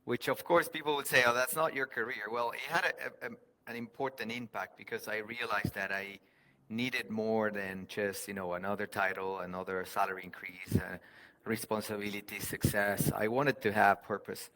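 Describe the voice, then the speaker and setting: Low-voiced man, reflective. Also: fairly even intonation, normal speed, bright, forceful tone. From Argentina. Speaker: podcast guest, HR professional. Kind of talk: conversational interview.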